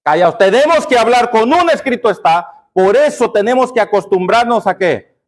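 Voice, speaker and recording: A man's voice: high voice, lively intonation, normal speed. A man pastor preaching a sermon, constantly asking the congregation questions and answering them himself. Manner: call-and-response questioning of the congregation.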